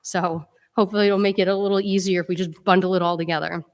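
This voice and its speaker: A woman's voice: lowish voice, flat delivery, fast talker. A woman with a stuffy head cold gives the welcome and announcements at a church service in a chatty, informal way, with frequent ums. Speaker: minister leading worship. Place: church sanctuary. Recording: long reverb in a church sanctuary.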